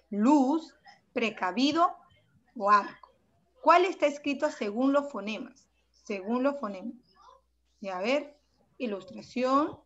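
A woman's voice: on the high side, a bit bright. A woman teaching a secondary school language class online, patient and affectionate but firm with her students. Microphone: computer mic on a video call. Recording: dull, lo-fi video call audio.

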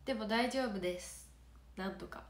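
A woman's voice: mid-range voice, normal speed. Stuffy-nosed woman, nasal and giggly, chatting on a livestream in an echoey room. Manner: chatty and giggly, drifting between soft murmurs and brighter bursts. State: stuffy nose. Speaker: idol trainee on a livestream. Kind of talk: casual livestream chat answering comments. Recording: roomy echo.

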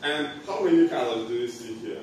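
A man's voice: mid-range voice, fairly quick. A man in his thirties performing as a kids party magician, asking children simple questions and prompting them to chant along in short phrases. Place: indoor kindergarten classroom with children seated around. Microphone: distant camera across the room. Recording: echoey noisy room, far-off camera mic.

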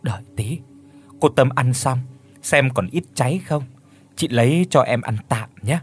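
A man voicing a kind young servant girl who speaks in a soft, soothing way. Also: medium pitch, measured pace, husky, faint music behind. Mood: tender.

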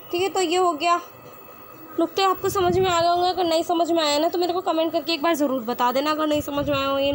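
A woman with a high, bright voice teaches children in an online class. She speaks patiently and says each word slowly so they can repeat it after her. A faint hiss runs under the recording. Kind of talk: online lesson, reading words aloud.

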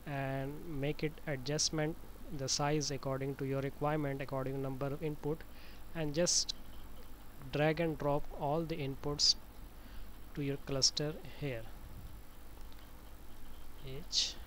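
A man explains software step by step in an informal, halting, repetitive tutorial style. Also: a little high, flat delivery. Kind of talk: informal screen-recorded tutorial. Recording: noisy amateur screencast voice-over.

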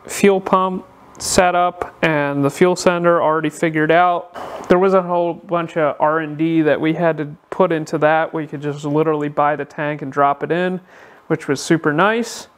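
Man giving a relaxed garage walkthrough. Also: fairly high pitch, a little slow, clean tone. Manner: relaxed, explanatory, with frequent "uh" fillers. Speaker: car builder and channel host. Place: indoor auto workshop.

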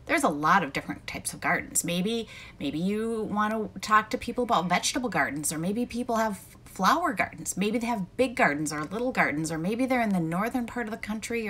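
A woman's voice: medium pitch, fairly bright tone. A middle-aged woman coaching online course creators in a casual, conversational explainer, walking through everyday examples. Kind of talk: casual explainer talk to camera.

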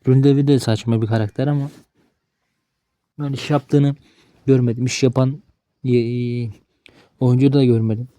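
A man's voice: medium pitch, steady tone, moderate pace, pauses often, warm tone. A man giving casual gameplay commentary, frustrated and talking to himself, cursing the game. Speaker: gaming streamer.

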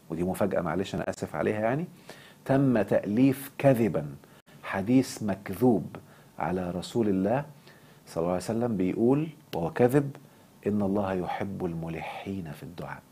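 Egyptian guy lecturing fast, bit husky, fired up, jumps into mock outrage a lot. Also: fairly low pitch. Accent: Egyptian Arabic. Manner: animated, quick swings into mock outrage. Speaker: self-development speaker. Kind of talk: impassioned lecture.

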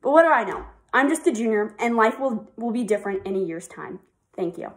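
A woman's voice: fairly high pitch, lively intonation, a little fast. A teenage girl on a yearbook staff, giving an earnest, upbeat video address and reading a heartfelt speech. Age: teens.

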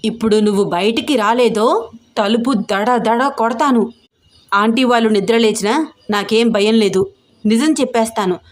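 A woman's voice: fairly high pitch, normal speed, lightly acted. A woman voicing a young man who pleads with his beloved, in an audio story reading. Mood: insistent. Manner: pleading, insistent.

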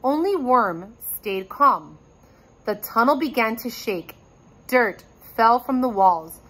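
A woman's voice: fairly high pitch, expressive, slow, fairly bright tone, slightly rough, rough recording. A woman teacher reading a chapter book aloud to children, addressing them directly and expressively. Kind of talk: storybook read-aloud.

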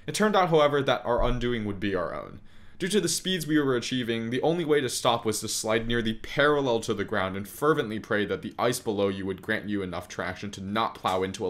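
A man's voice: medium pitch, a bit bright. A young man telling a comedic story in scripted narration, with a dry, sarcastic delivery. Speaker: storytime animator.

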